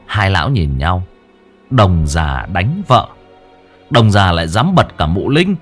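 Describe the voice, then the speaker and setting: A man narrating a ghost story in a lively, dramatic way. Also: low-pitched, slow, breathy edge, soft background music.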